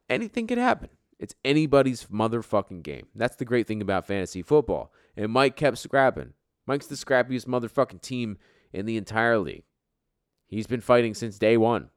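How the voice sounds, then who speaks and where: A man's voice: medium pitch, smooth, dry recording, studio quality. A man hosting an informal fantasy sports top ten countdown show, with profane, bro-style trash talk. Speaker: fantasy football league show host.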